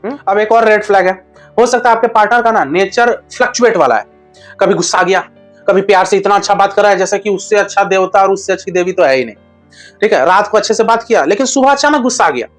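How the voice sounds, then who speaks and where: A man with a fairly high voice talks straight to camera, handing out relationship advice as a casual monologue. He is blunt and slangy and throws in crude jokes as he goes. Soft music plays faintly behind him. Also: quick pace.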